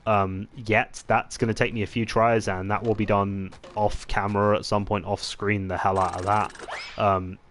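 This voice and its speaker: Low-voiced rambling gameplay commentator. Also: male voice, flat delivery, normal speed, a bit bright, a little hiss or hum. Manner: rambling, chatty, many ums and restarts. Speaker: gaming channel host. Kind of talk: let's-play gameplay commentary.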